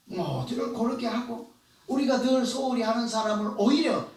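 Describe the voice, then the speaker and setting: Speaking at a moderate pace in a very high, expressive voice, a man delivers a sermon as pastor inside a church sanctuary. He addresses the congregation conversationally, asking them questions, while the echoey hall makes his voice sound far away.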